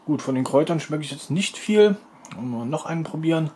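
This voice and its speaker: A man's voice: on the high side, animated, fast talker, dark tone, slight background noise. A man hosting a food review video, talking casually as he narrates a taste test.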